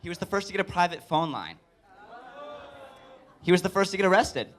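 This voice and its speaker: A young adult man giving a wedding toast as best man, joking with deliberate comic pauses. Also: high-pitched, expressive, background noise. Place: live speech at a wedding reception.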